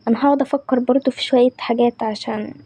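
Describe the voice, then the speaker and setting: A woman with an Egyptian accent telling a story in lively, conversational character voices. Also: on the high side, very fast, slightly rough. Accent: Egyptian Arabic.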